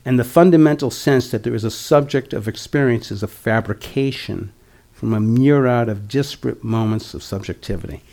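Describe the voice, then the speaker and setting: A man's voice: mid-range voice, moderate pace, darkish tone. A man in his sixties giving a dharma talk as a meditation teacher, reflective, with wry, humorous asides. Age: 60s.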